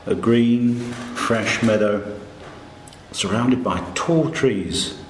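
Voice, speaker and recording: Slow, low-voiced man guiding a meditation. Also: roomy sound, slight background noise, low-quality recording. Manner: calm, hushed, soothing, with long pauses between short phrases. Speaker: guided meditation narrator. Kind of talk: slow guided meditation narration.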